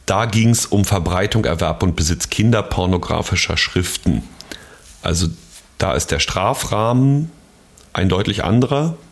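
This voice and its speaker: A man with a deep, low voice talks through legal details on a podcast. His delivery is casual and explanatory, and he often tags his points with a quick question to his co-host. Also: animated, gravelly. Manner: conversational, explanatory, frequent "ne?" tags.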